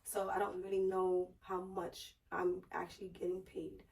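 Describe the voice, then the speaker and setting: Hoarse woman vlogger, slightly distant mic. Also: on the low side, monotone, normal speed, darkish tone. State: hoarse, strained voice just back after losing it, sore throat. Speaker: YouTube vlogger. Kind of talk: casual personal finance vlog.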